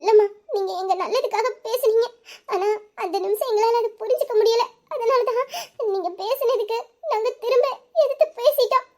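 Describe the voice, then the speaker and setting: A woman's voice: very high-pitched, fast, few pauses, warm tone. Nila, a woman voicing a loving apologetic daughter. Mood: earnest. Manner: earnest, apologetic and affectionate. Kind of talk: emotional family drama acting.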